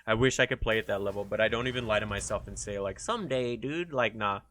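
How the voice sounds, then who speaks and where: A man's voice: on the low side, steady tone, fast talker, a bit bright. A man casting a live strategy game match in a loose, chatty way, swearing freely. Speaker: esports caster. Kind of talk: casual live game commentary.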